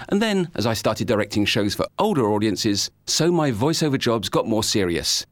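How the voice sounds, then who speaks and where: A middle-aged man with an English accent, giving a polished, measured voice-over style self-presentation. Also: on the low side, big pitch swings, no room sound, clean studio sound. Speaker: voice artist. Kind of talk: scripted self-presentation narration.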